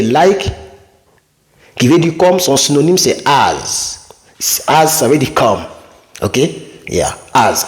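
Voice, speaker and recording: Slow, animated man teaching words. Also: medium pitch. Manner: chatty, repeats words slowly, corrects himself. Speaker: English teacher. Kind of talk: casual vocabulary lesson.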